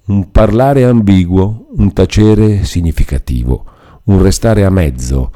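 Deep-voiced man reading a classic novel. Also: mellow. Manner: measured, deliberate reading. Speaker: reader. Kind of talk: audiobook narration.

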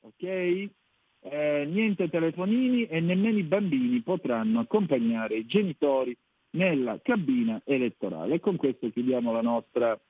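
A man's voice: a little high, dry recording, phone-quality sound. A man hosting live radio, chatting and bantering familiarly with listeners who call in. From Calabria, Italy. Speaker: radio host taking listener calls. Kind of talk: live radio talk and press review.

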